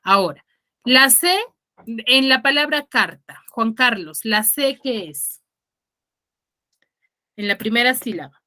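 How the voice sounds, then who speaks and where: A woman's voice: on the high side, lively intonation, slow, pauses often, sharp tone. A woman teacher giving an online class, explaining patiently and checking on her students with frequent questions. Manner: patient, explanatory, stresses key words.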